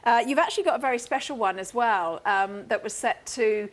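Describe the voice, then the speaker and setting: A woman hosting a live shopping channel interview at a very brisk pace. Her voice sits fairly high, and she is effusive and encouraging toward her guests.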